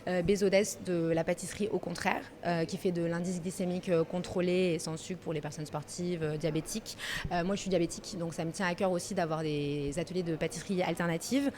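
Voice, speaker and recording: Her voice is lowish and somewhat dark, steady and brisk, with slight background noise. This thirty-something woman from Marseille, France, who manages a pastry workshop, chats in a casual interview in an easygoing, slightly hesitant way, working through her thoughts out loud.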